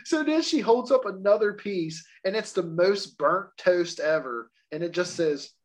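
Lively slow-talking man telling a story. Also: sits high. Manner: excitable, laughs often, swears casually. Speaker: podcast co-host. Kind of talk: casual storytelling chat.

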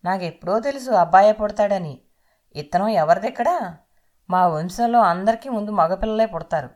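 A woman voicing a domineering young husband who talks in a loud, bossy way. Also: high-pitched, fairly even intonation, fairly quick, lightly acted. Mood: boastful.

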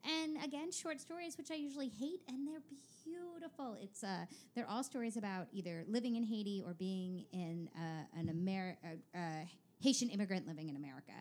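A woman's voice: mid-range voice, a little mellow, slight background noise. A woman co-hosting a podcast in casual chat, wordy and informal, with some swearing. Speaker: podcast co-host.

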